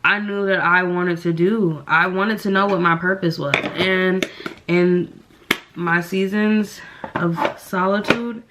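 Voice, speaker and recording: A young beauty vlogger, a bit nasal from the flu, rambles with plenty of fillers while getting ready at home for a casual get-ready-with-me video. Her voice is lowish and fairly even, her pace slow, with background noise present.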